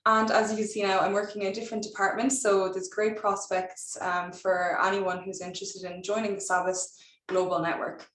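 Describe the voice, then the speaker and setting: Young woman, west of Ireland accent, mid-pitched, presenting informally as a recruiter in a roomy, echoey space. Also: flat delivery, normal speed, fairly bright tone. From Galway, west of Ireland. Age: 20s. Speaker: recruitment officer. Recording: roomy echo, distant microphone.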